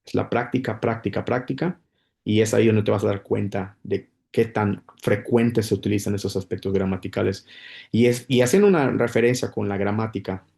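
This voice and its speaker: A man with a lowish, creaky, darkish voice gives a casual spoken English lesson. As an English teacher, he explains patiently, with many repetitions and restarts.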